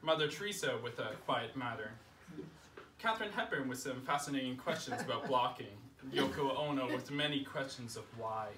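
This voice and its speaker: This is a young man performing a humorous first-person essay at a literary gathering in a home, a small audience seated around the living room. His delivery is projected and measured, with mock self-importance, at a medium pitch. The distant camera mic leaves a roomy echo and slight noise.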